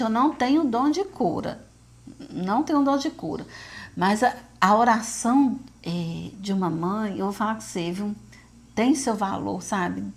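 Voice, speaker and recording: A Brazilian mother gives an emotional testimony of her faith, speaking in a medium-pitched voice with a Brazilian Portuguese accent. She is earnest and speaks straight to her listeners, calling them "gente," and her talk is full of fillers and repetitions.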